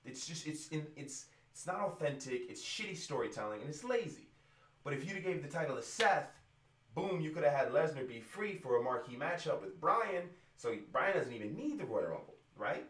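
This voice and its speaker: A man's voice: on the high side, big pitch swings, normal speed, fairly bright tone, far from the mic. A young man going on a profane, exasperated rant about wrestling in a casual vlog. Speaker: rapper venting about wrestling. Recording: roomy echo, away from the mic.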